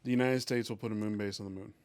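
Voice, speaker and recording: A young man co-hosting a podcast, talking in a wry, deadpan, rambling way. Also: on the low side, rapid-fire, no room sound. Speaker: podcast co-host. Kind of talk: casual chat.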